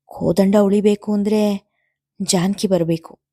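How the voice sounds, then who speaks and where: Woman doing a stubborn older mother-in-law, quiet and firm, dry sound. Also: mid-range voice, steady tone, measured pace, no room sound, lightly acted. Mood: resolute.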